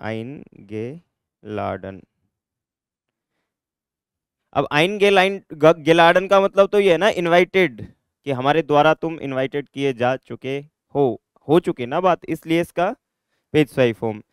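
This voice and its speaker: A man teaching German grammar in a classroom-style lesson, repeating words slowly to drill pronunciation. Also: fairly high pitch, clean tone, no room sound, studio quality.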